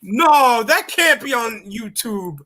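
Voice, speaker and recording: Ranting man with a bright voice. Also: extremely high pitch, lively intonation, slow. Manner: crude, ranting trash talk. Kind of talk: casual stream chat.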